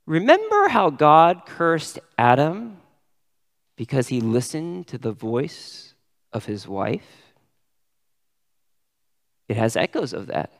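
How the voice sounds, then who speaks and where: A man preaching a sermon as pastor, stressing key words with sudden rises in pitch. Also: huge pitch swings, slow, gravelly, pauses often, long reverb tail.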